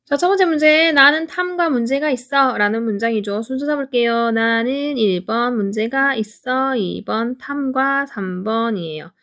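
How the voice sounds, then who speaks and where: A woman teaching an English lesson in Korean, patiently explaining pronunciation and repeating example sentences slowly. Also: fairly high pitch, a bit bright.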